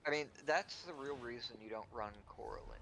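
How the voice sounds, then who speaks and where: A man's voice: mid-range voice, a little fast, gravelly, bright, forceful tone, a little hiss or hum, low-quality recording. A man leading a game raid over online voice chat, explaining builds in bursts while his connection drops out. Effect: online voice chat cutting out. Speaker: raid leader. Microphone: headset over online voice chat.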